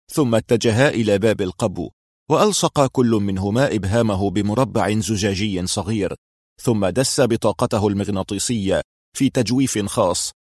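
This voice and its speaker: A man's voice: lowish voice, a little mellow, no room sound, clean studio sound. A man reading a thriller audiobook with dramatic, suspenseful narration.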